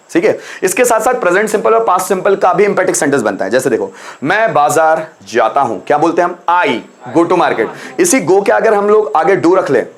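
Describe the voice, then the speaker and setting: A young man with a Hindi accent teaching English in a live online class, coaxing students and repeating examples slowly. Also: fairly high pitch.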